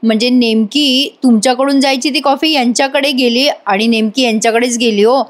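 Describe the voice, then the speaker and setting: A woman's voice: fairly high pitch, fairly even intonation, normal speed, natural voice. A woman reading the lines of a polite young café waitress who keeps apologizing. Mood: apologetic.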